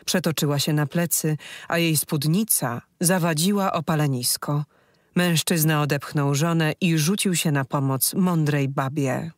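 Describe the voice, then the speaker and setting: An audiobook narrator reading a dark folk fantasy story in a steady, measured way. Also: mid-range voice, dry recording, clean studio sound.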